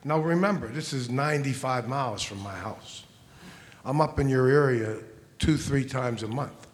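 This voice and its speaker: A man in his sixties, a financial advisor on a conference panel, telling an earnest story, often restarting and repeating words as he acts out conversations. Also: medium pitch. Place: conference hall. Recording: long hall reverb.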